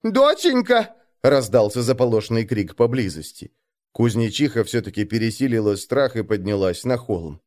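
A man narrating a story as an expressive audiobook reader. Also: fairly low pitch, moderate pace.

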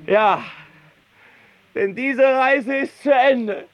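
An actor playing a doomed, stubborn ship's mate in a radio play, joking grimly to himself. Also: male voice, very high voice, drawn-out words, a bit bright, exaggerated voice. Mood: grimly wry.

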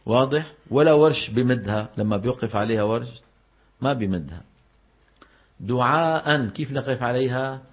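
A middle-aged man with a Levantine Arabic accent lectures a class on recitation at a middle pitch. He quizzes his students and then answers himself, drawing each example word out slowly. The recording sounds slightly dull and lo-fi. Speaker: Quran recitation teacher.

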